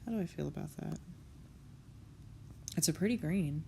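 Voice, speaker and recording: Narrating a drawing session, this young comic artist talks casually, sniffling from a cold, swearing quietly, and being hard on herself. She has a low, creaky, mellow voice at a moderate pace, and there's a little background noise.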